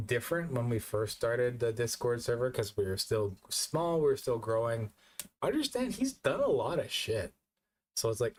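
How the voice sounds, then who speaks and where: A drunk man streaming live, rambling and repeating himself as he chats casually with his viewers. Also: medium pitch.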